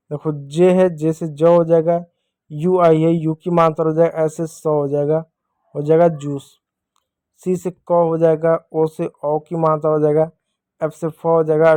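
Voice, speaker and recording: A man with a fairly high voice gives a children's reading lesson, sounding out each word letter by letter. His delivery is patient and repetitive, and the recording is dry and close, with no room sound. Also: warm tone, dry recording. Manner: patient, spells words letter by letter; repeatedly addresses the children. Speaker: teacher.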